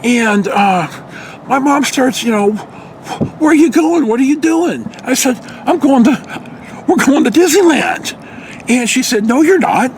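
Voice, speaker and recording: This American vlogger in his early sixties tells a personal story to camera, rambling casually and cursing freely. His voice is very high with lively intonation, and he takes his time. There's slight background noise.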